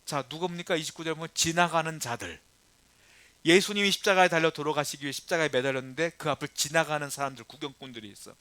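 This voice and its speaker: A pastor delivers his sermon in a bright, forceful voice that sits a little high for a man. He preaches conversationally, pushing up on the words he stresses. The sound is dry and close, with little room echo. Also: fast. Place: church.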